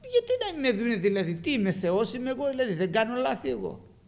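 A man preaching a sermon with passion, moving between loud emphatic lines and quiet asides, with a gravelly voice. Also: very high voice, wildly swooping pitch.

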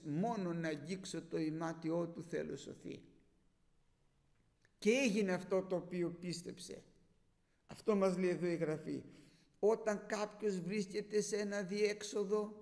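A man preaching a sermon, teaching sincerely and rising to loud cries when he quotes prayers. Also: high voice, gravelly, long reverb tail.

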